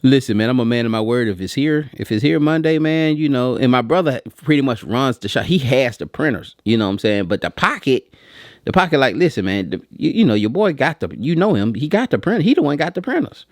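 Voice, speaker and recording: The print shop owner speaks at medium pitch with lively intonation and a slightly fast pace, recorded in clean studio sound with no room echo. Talking to his viewers in a slangy, conversational way, he tells a rambling story and performs bits of the dialogue.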